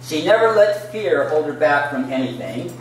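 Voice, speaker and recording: A middle-aged man giving a wedding toast as father of the bride, his voice a touch high and swinging up and down as he jokes and laughs at his own lines. He is heard from a distance in a very echoey hall, with steady noise behind him. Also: moderate pace. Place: large indoor reception hall. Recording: echoey hall from far off, noisy.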